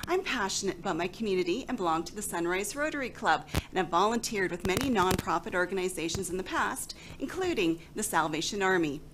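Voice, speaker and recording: A woman's voice: medium pitch, animated, fairly quick, few pauses, background noise. A woman seeking re-election to city council, formally reading her credentials as a campaign statement. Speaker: council candidate.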